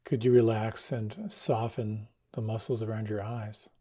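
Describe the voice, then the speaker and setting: A man leading a guided meditation, giving slow, soft, soothing instructions. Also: lowish voice, fairly even intonation.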